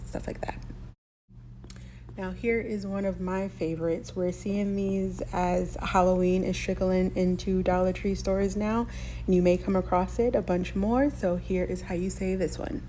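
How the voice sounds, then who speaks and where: With a warm, fairly low voice and fairly even intonation, a woman hosting a shopping channel explains how to pronounce tricky words in a casual, chatty lesson. She speaks at a moderate pace and laughs lightly now and then, with slight background noise.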